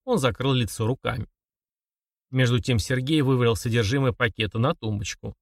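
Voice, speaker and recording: Brief: male audiobook narrator, measured thriller reading, mid pitch, dry close sound. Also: dry recording, far from the mic. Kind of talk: scripted narration.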